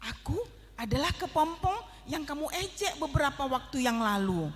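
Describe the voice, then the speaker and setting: A woman voicing a kind, beautiful butterfly in a children's Bible story, calling out brightly. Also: sits high, lively intonation, normal speed, big-room sound.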